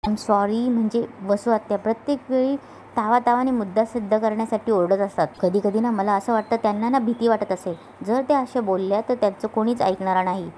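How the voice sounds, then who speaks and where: A woman voicing a gentle, dutiful young daughter-in-law, speaking softly and slowly. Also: medium pitch, fairly even intonation, a little hiss or hum, natural voice. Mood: calm.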